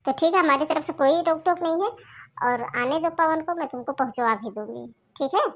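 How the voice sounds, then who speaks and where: A woman voicing a kindly older mother-in-law in a cartoon, giving advice in a gentle, persuasive way. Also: sits high, brisk, highs cut off. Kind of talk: cartoon voice acting.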